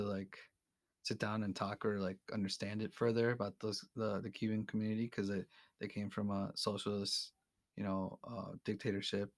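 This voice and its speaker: Clean studio audio without echo captures a man's fairly low voice as he guests on a podcast. Talking in a relaxed interview, he gives frank opinions but keeps stumbling over fillers and starting his sentences again.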